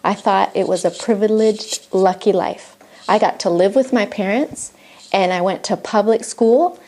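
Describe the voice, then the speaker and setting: Her voice is mellow, medium-pitched and a little slow as this middle-aged Argentine missionary, a native Spanish speaker, gives her personal testimony. She speaks earnestly and reflectively about her faith, with a few restarts.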